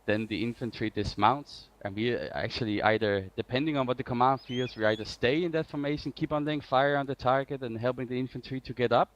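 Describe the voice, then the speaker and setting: A man's voice: mid-range voice, fairly even intonation, a little fast, hardly any pauses, poor audio. A man giving an informal tactical briefing as an instructor, hesitating and repeating points for emphasis. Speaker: instructor of armored vehicle drills. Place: online game voice chat. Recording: faint noise with clicks.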